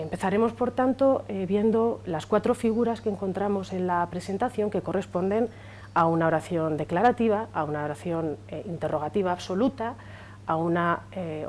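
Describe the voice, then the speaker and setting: Female lecturer, mid-pitched, hesitant with fillers, faint hum behind. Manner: hesitant, many fillers, drops quieter at phrase ends. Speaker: university lecturer. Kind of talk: unscripted lecture.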